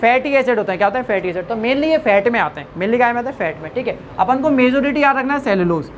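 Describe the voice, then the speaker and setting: A woman with a slightly high, lively voice speaks fast over a faint hiss or hum. She's a biology teacher lecturing her class, joking informally and repeating questions so students call the answers back in a drilling style.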